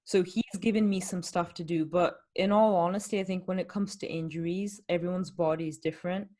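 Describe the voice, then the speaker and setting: A woman's voice: fairly low pitch, fairly even intonation, fairly quick, dark tone. A woman, a fitness coach hosting a podcast, chatting candidly and explaining things with rhetorical questions. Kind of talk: casual podcast chat.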